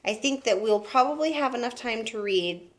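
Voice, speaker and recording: A woman's voice: on the high side, animated, moderate pace. A woman teacher reading a children's book aloud to her class and pointing out the pictures.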